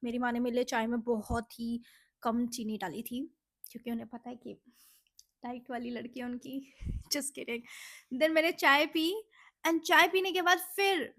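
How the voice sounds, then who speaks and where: A woman's voice: fairly high pitch, steady tone, a little slow, pushed and bright, no room sound, clean studio sound. A woman vlogger chatting casually as she tells a personal story, mixing Hindi with English phrases.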